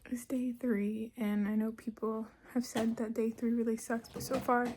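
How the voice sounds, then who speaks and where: A woman speaks with a thick swollen-tonsils voice, soft and dark, often slipping toward a whisper. Her pitch sits fairly high but moves little, and she sounds sore and careful as she talks casually to the camera. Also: flat delivery, normal speed. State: sore swollen throat after tonsil surgery, effortful and tired. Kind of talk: personal recovery video diary, casual talk to camera. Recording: clear background noise.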